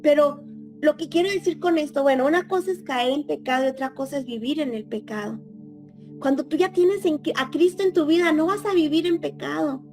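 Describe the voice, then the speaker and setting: A woman's voice: high voice, fairly quick, a little mellow, faint music behind. A middle-aged Mexican woman teaching a church Bible class in a chatty way, often adding tag questions.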